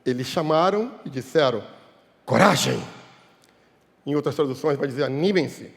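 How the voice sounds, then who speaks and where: Brazilian pastor shouting in an echoing hall. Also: male voice, fast talker. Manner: swings between shouted cries and low quiet asides. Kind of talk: sermon. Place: church hall. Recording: long hall reverb.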